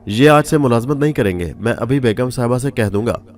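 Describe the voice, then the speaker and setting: A man voicing a hot-tempered older head of household who scolds in a gruff, barking way. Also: mid-range voice, animated, a little fast, close to an everyday voice. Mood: angry.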